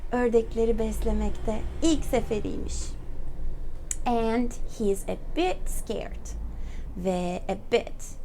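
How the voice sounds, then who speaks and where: A woman from Turkey reading a children's book aloud as a lesson, slowly repeating each phrase and translating it. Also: a little high, dark tone, a little hiss or hum. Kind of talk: bilingual read-aloud lesson.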